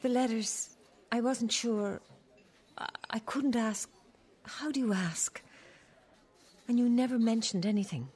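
A woman's voice: on the high side, steady tone, measured pace, a little mellow, husky. A woman acting as a guilty, defensive older mother in a drama, pleading and hesitant with her estranged daughter. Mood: apologetic, hesitant. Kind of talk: dramatic two-hander dialogue.

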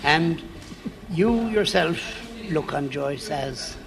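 A man's voice: fairly high pitch, expressive, slow pace, creaky, music in the background. A man working as an interviewer and presenter in a literary interview, posing questions and linking remarks.

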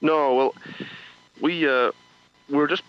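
A man with a Donegal Irish accent answering casually in a radio interview, haltingly and colloquially, repeating words as he goes, over the phone. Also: fairly high pitch, steady tone, slight background noise. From County Donegal, Ireland. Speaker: farmer and farmers' organisation leader, interviewee. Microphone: phone line. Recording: dull lo-fi phone line.

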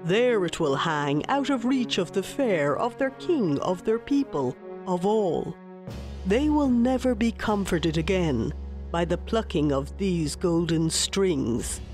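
A woman's voice: fairly low pitch, expressive, takes it slowly, music in the background. A woman voicing a proud, scornful enemy king in a storybook tale. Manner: scornful, boastful.

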